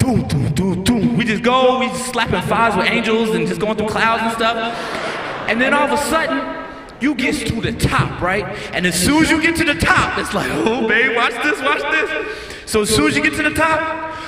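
A man telling a funny story on stage, animated, acting out screams and voices. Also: very high voice, moderate pace, crowd noise. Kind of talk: stand-up storytelling. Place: large church hall. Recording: echoey church hall, faint ambience.

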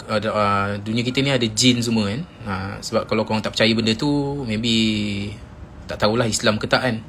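Pria Malaysia bercerita santai dan hidup. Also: male voice, mid-range voice, a little hiss or hum. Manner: animated, acts out friends' shouts in quoted lines. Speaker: Instagram live host. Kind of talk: casual storytelling on a live stream. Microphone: phone.

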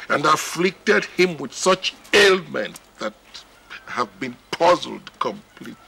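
A man's voice: mid-range voice, vocal fry, slight background noise, heavily acted. An actor with a Nigerian accent playing a proud village king who despairs and pleads over his sick son. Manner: anguished, pleading, breaking into shouts.

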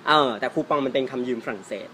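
A man teaching English pronunciation in a casual, playful way, teasing his viewers and stretching out example words slowly. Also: medium pitch, bright, forceful tone, a little hiss or hum.

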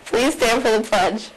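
A young woman student reading the school's morning announcements from the studio in a bright read-aloud way. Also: a little high, rough recording.

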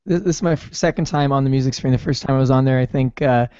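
A man's voice: medium pitch, fast, a little mellow, clear, resonant tone, dry recording. Man co-host, wry and easygoing; dry, dull lo-fi recording. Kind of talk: casual podcast chat. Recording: dry, muffled lo-fi sound.

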